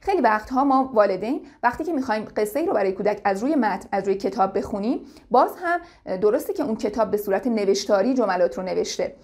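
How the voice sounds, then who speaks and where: A woman giving informal spoken advice to parents as an educator, in a calm and patient way. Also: mid-range voice.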